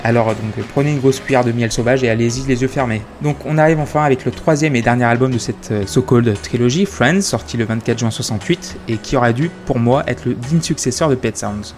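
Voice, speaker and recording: A man's voice: mid-range voice, a little fast, hardly any pauses, darkish tone. A man hosting a casual music chronicle, talking with frequent fillers and restarts. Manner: hesitant, many fillers and restarts. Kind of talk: casual spoken music review. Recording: music playing behind the voice.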